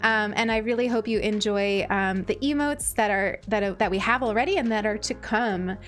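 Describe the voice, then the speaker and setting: A woman's voice: mid-range voice, moderate pace, faint music behind. A woman with a sweet, princess-like voice chatting casually on a game livestream, gushing affectionately as she thanks her viewers.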